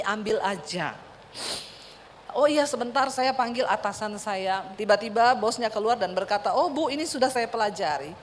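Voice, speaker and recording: A woman's voice: on the high side, slight background noise. A woman pastor preaching a sermon, telling a story with emphatic repeated cries. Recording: reverberant church hall, faint ambience.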